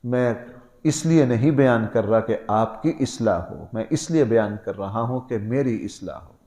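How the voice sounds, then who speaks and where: A man preaching a Quran lesson in Pakistani-accented Urdu, his voice of middling pitch. He tells stories earnestly and climbs to emphatic peaks. The room around him rings with echo. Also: warm tone. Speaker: Islamic scholar giving Quran lesson. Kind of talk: sermon.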